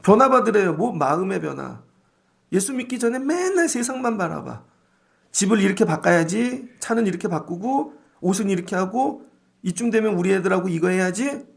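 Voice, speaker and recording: Gravelly, animated Korean-style preacher man. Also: high voice, normal speed. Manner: animated, colloquial preaching with acted-out quotes. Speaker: pastor. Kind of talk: dawn service sermon.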